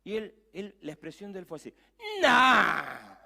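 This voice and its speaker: A middle-aged man with a Rioplatense accent preaching a sermon as pastor, animated, swinging between hushed asides and loud exclamations, acting out dialogue. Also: high-pitched, fast. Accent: Rioplatense Spanish. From Argentina.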